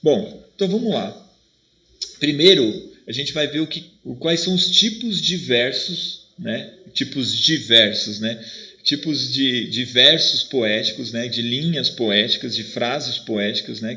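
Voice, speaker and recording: A man's voice: medium pitch, pushed and bright, dull audio. A man teaching a literature class with a Brazilian Portuguese accent, talking through his slides in a conversational way and often checking in with his students. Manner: conversational, keeps checking in with "né?" and "tá bom?". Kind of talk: recorded online class with slides.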